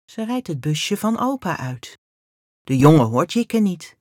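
A woman reading a children's book aloud in an expressive storytelling manner. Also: on the low side, unhurried, no echo, clean studio sound.

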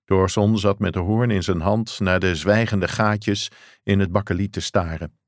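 A man reading a novel aloud as narrator, measured and even. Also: deep voice, no echo, clean studio sound. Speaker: audiobook narrator. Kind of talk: scripted narration.

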